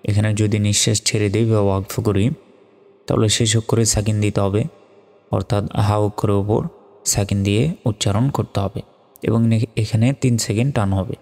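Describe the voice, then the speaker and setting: A man teaching Quran reading, spelling out each word slowly and evenly, then reciting it in long drawn-out tones. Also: fairly low pitch, in a large hall. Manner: slow, even spelling drills, with drawn-out recitation.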